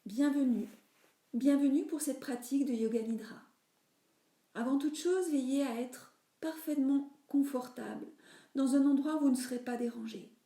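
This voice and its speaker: Speaking at a moderate pace in a high-sitting voice, a female yoga nidra teacher leads a guided relaxation meditation. Her delivery is soothing and instructive, with phrases that drift into breathiness, captured in a roomy, reverberant recording.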